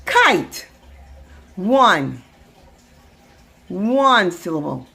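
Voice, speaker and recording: Female teacher, phonics lesson, lively pitch, sounds words out and repeats them. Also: drawn-out words, vocal fry, slightly rough. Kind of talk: slow, drawn-out phonics lesson.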